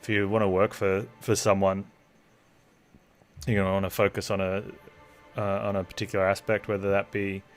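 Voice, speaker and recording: Male game streamer: lowish voice, casual livestream chat, faint game music behind. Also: flat delivery, fairly quick, long pauses.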